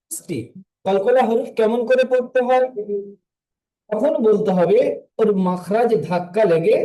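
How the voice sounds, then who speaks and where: A man's voice: high voice, mellow, low-quality recording. A man teaching a tajweed lesson online, patiently repeating letters and drilling the sounds again and again. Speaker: Quran recitation teacher.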